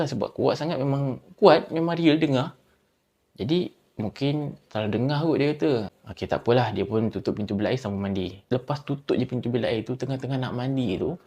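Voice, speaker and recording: A man narrates a creepy story in a casual, chatty way. He speaks straight to his listeners and leans on dramatic pauses. His voice sits at a middle pitch with a warm, mellow tone. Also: slightly rough. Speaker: horror storyteller.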